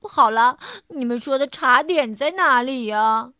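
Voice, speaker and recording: A woman's voice: measured pace, dry recording, studio quality. A woman voicing a playful young male elephant who wails and calls out for help in a storybook reading. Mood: wailing. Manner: wailing, calling out high and loud.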